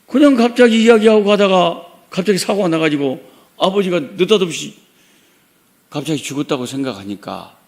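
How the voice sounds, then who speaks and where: A middle-aged male pastor delivers a sermon in a church, slipping into the voices of the people in his story as he tells it. His voice sits a little high for a man and has a gravelly, fry-heavy texture. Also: animated, moderate pace. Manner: storytelling, acting out quoted voices. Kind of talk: sermon with personal testimony. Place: church sanctuary.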